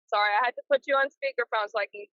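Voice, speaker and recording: A woman's voice: a little high, steady tone, very fast, bright, forceful tone, no room sound. Woman talking over a muffled speakerphone. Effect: heard over a phone on speakerphone. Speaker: podcast co-host calling in. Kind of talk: casual chat. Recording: dull lo-fi phone line.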